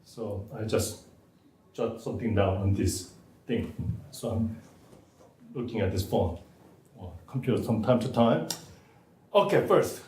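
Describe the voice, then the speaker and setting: A man's voice: fairly low pitch, a little slow, long pauses, darkish tone. A man, a native Korean speaker, giving an informal academic seminar talk, chatty and repeating words as he writes on the board. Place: seminar room. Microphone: distant room mic. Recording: echoey room, far mic.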